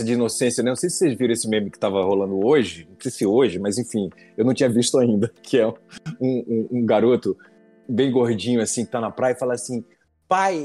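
Casting note: a husky man with a mid-range voice, wry and joking in relaxed chat. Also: medium pitch, fast talker, faint music behind. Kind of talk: casual chat.

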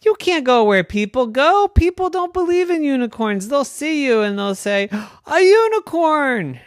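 A man voicing a worried, fussy father unicorn who talks high and sounds alarmed and doubtful. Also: big pitch swings, measured pace, no echo, clean studio sound, heavily acted. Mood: fretful.

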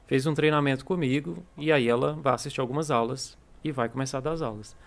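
A man's voice: mid-range voice, fast, vocal fry. A Brazilian man, an English teacher and coordinator, chatting casually and acting out little stories with quoted dialogue. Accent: Brazilian Portuguese. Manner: animated storyteller, acts out quoted dialogue. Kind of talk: casual podcast chat.

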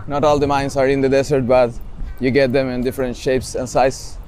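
A man from Chile with a Chilean Spanish accent, answering interview questions in a relaxed way and sometimes searching for English words. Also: medium pitch, fairly quick, slight background noise. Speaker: startup founder, interview guest. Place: outdoors in a city with traffic nearby.

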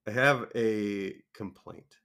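A man's voice: lowish voice, slow pace, vocal fry, pushed and bright. A man with a wheezy voice co-hosts a podcast in a casual, comic, self-deprecating way, laughing often. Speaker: podcast co-host.

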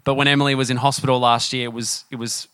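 A middle-aged man preaching a sermon, telling personal stories in a chatty, animated way and often asking the audience questions. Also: medium pitch, quick pace, clean tone. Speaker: pastor.

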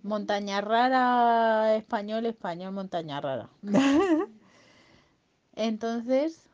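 A woman's voice: on the high side, animated, slow pace, darkish tone, dull audio. Playful woman telling a bedtime story. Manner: playful, sings silly songs and sound effects. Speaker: storyteller to a child.

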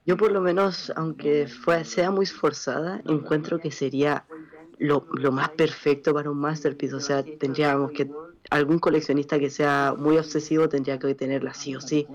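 A man's voice: fairly high pitch, fairly even intonation, moderate pace. Chilean man calling in over a dull phone line. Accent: Chilean Spanish. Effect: caller heard over a phone line. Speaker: caller to a podcast. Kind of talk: casual chat.

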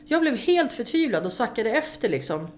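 A woman tells race-day stories in a relaxed interview, her voice lively and unfiltered as she swears freely and laughs at herself. A faint hum sits under the recording. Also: a little high. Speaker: interview guest, amateur racing driver. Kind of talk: casual interview storytelling.

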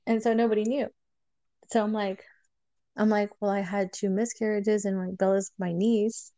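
A woman speaks in a warm, relaxed register, recounting a personal story to a podcast host. She animates quoted dialogue as she goes, and the recording is dry and close with no room sound. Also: medium pitch, moderate pace, no echo. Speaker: guest telling a personal story. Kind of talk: casual podcast chat.

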